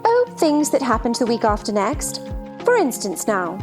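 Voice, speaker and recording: Here the scatterbrained queen's high pitch swoops wildly while her tone runs darkish, her mood airy and matter-of-fact at a moderate pace. Still fussy, fluttery and helpless, she cries out with nonsensical insistence in a theatrical storybook scene over faint music.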